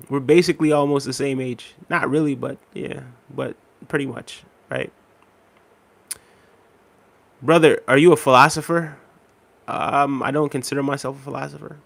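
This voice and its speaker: A livestream host, a man in his thirties, reads viewer comments aloud in a laid-back, repetitive way packed with fillers, sounding slightly sick and worn out. His voice is medium in pitch and creaky, with no echo.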